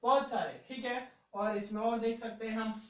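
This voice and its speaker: A man's voice, sitting high and a bit bright at a moderate pace, is captured far from the mic in a very reverberant room. He's teaching English grammar in a classroom-style video, patient and repetitive, with frequent check-ins as he ends phrases with "okay" and "brother."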